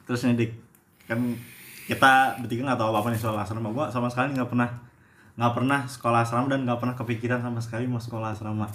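A young man co-hosting a casual chat, quick and jokey as he probes with questions. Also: mid-range voice, fairly even intonation, fairly bright tone. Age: young adult. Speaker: co-host.

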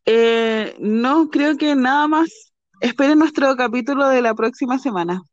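Chilean woman co-host, calm dry humor, slightly raised pitch, muffled close recording. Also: measured pace, no room sound. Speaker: podcast co-host. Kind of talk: casual chat.

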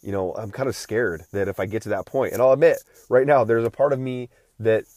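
A man in his late thirties talks alone into the mic in a loose, rambling way, circling back and restarting his sentences. His voice sits low, and the recording is dry with no room sound. He has been unwell lately but keeps talking. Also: fairly quick, darkish tone, no room sound. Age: 30s. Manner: rambling, with many restarts and filler words. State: recovering from feeling unwell. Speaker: podcast host. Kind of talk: casual solo podcast monologue.

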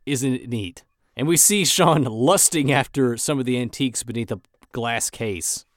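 A man's voice: mid-range voice, normal speed, no room sound, studio quality. A man co-hosting a podcast, casually narrating an episode recap with wry jokes. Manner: wry, joking. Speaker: podcast co-host.

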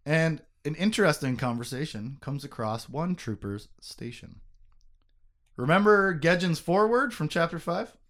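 A man's voice: fairly high pitch, very animated, normal speed, a bit bright. A man hosting a podcast, recapping a book in casual chat, joking, laughing often and swearing.

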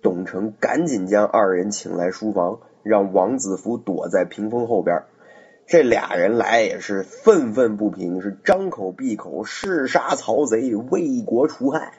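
Husky-voiced man telling a story. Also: on the low side, measured pace, darkish tone. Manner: chatty, with asides to the listener. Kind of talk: casual storytelling narration. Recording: dull lo-fi recording.

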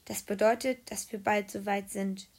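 A woman voicing a dramatic schoolgirl who speaks in ominous hushed tones in a children's audiobook. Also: mid-range voice, little pitch movement, normal speed, close to an everyday voice.

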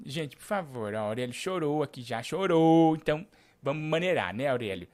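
A man hosting a live show, reading out shout-outs and teasing a caller in a playful way. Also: a little high, animated, moderate pace. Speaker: host.

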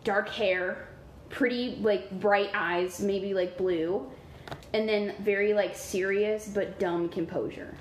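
A woman's voice: medium pitch, fairly even intonation, takes it slowly. A woman narrating a tabletop game as game master in a rambling, filler-heavy way. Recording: roomy, noisy recording.

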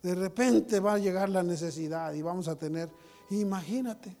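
High-voiced pastor preaching. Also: male voice, moderate pace, in a large hall. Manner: swings from soft storytelling to loud exhortation. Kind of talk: sermon.

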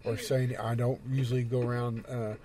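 A man in casual chat, talking in a drowsy, halting way with many fillers. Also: mid-range voice, little pitch movement, over a noisy crowd.

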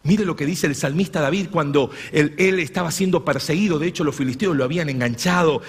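A man preaching a sermon as pastor, swinging between hushed, tender phrases and loud exclamations. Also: on the high side, brisk, husky. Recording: long reverb with faint music behind.

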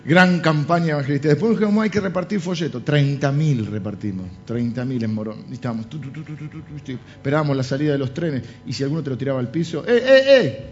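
Animated Rioplatense preacher man, lo-fi. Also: medium pitch, quick pace, hardly any pauses. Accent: Rioplatense Spanish. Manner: animated storytelling with jokes and asides. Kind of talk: humorous sermon anecdotes. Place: church. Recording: dull lo-fi sound with faint music.

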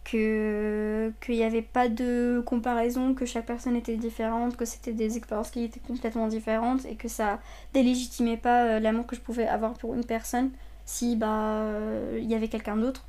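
This interviewee is a twenty-something woman who grew up in Saudi Arabia with Lebanese parents. Her fairly high voice has a dark tone and a level delivery at a moderate pace. Sharing a personal testimony, she hesitates often, filling gaps and restarting sentences.

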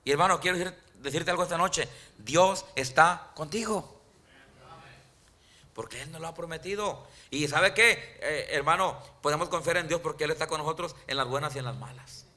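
A man preaching a Spanish-language sermon in church, calling out to the congregation and often asking them questions, slowing down when he quotes scripture. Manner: rises in pitch and loudness for emphasis, slows on scripture quotes. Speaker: pastor.

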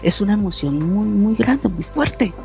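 A woman chatting casually, telling a warm personal story with laughter and mimicked dialogue. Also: mid-range voice, lively intonation, measured pace, vocal fry. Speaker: guest sharing a story. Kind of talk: casual chat. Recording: slightly dull lo-fi audio, faint music.

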